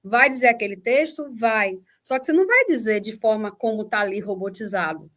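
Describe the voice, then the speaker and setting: A woman's voice: a little high, brisk, a bit bright. A Brazilian woman, a teacher and mentor, explaining a point in an online workshop and often checking that listeners follow. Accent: Brazilian Portuguese. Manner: explanatory, checks understanding with rhetorical questions. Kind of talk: online workshop talk answering a question. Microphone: video call.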